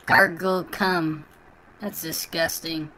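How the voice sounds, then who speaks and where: A prank gaming video host uses a voice changer to play an obnoxious, crude little kid who taunts other players in online game chat. The voice is fairly high, sharp, and steady, and he delivers his trash talk slowly in a taunting mood.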